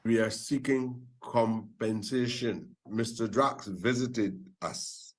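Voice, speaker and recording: A man speaking as an official in a news interview, slow, firm and deliberate. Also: lowish voice, rough recording.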